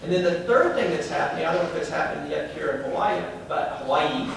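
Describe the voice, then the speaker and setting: This man, a Southern US speaker from an advocacy group, delivers a casual speech to a meeting and keeps turning questions to the crowd. He talks fast in a somewhat high, creaky voice with lively intonation, heard through a distant mic in an echoey room full of people.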